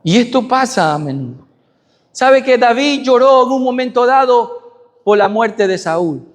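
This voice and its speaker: A man preaching a sermon who asks his congregation rhetorical questions and swings from loud high peaks to soft low endings. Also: expressive, measured pace. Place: church sanctuary. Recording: long reverb of a church hall.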